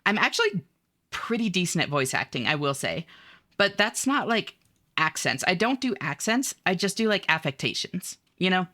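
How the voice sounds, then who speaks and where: She reads chat messages aloud during her game stream, replying casually and cheerfully, sprinkling in "um," "like," and the occasional swear word. Her fairly low voice is sing-song, bright, and forceful, at a moderate pace.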